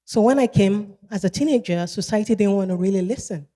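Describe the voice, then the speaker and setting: A woman with a Nigerian accent gives a motivational keynote in a large event hall, her warm, mellow, mid-range voice trailing into a long reverb. She speaks in a measured way and repeats key phrases for emphasis.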